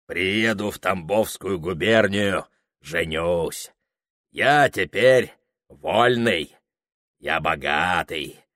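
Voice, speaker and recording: Man doing a rowdy bearded gold-digger, boastful and loud, greedy, his speech unhurried and drawling, in a slow audiobook read, with a dry close sound and nothing around it. The voice is pushed up from the reader's low, middle-pitched tone. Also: no echo, heavily acted. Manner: swaggering and loud.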